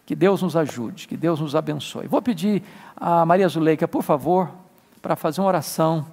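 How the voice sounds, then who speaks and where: A male pastor preaching a Bible-study sermon with animated, emphatic bursts. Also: fairly high pitch, moderate pace, creaky, in a large hall. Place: church sanctuary.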